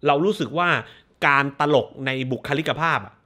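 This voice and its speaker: Animated, foul-mouthed ranting man. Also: a little high, normal speed. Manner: crude, profane and sarcastic. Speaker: movie review show host. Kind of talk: casual ranting film review.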